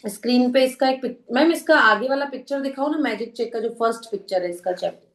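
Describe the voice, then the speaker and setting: A woman runs a live self-help teaching session, speaking in a high, clear register. She explains things patiently, keeps asking "right?" to check in, and slips English words into her Hindi. The sound is roomy, with a noticeable echo. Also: a little fast. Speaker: self-help course leader.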